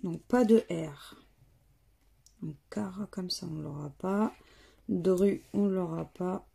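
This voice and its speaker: A woman talks unhurriedly over her scratch cards, her voice gravelly and husky. She reads letters and words in a low murmur that keeps sinking to near-whispers, and her tone stays dark and mellow. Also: takes it slowly. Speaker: scratch-card vlogger. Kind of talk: casual commentary while scratching tickets.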